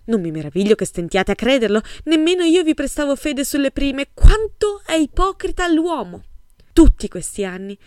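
A woman's voice: sits high, sing-song, moderate pace, a little mellow, dry recording, clean studio sound, pitched above the performer's own voice. A woman voicing a bossy rich widow who talks dramatically and moralizes. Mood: dramatic. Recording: music playing behind.

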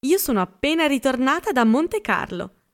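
A woman voicing a gossipy, excitable young woman in an audiobook, with a chatty manner. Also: sits high, normal speed, pitched above the performer's own voice. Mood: chattering. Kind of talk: audiobook character reading.

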